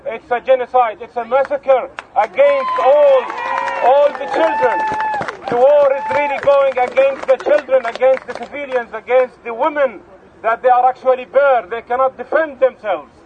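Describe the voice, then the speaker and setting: A man's voice: very high-pitched, fairly even intonation, moderate pace, a crowd in the background, noisy background. A man from Palestine speaking earnestly at an outdoor rally, often restarting his phrases. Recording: tinny lo-fi outdoor recording.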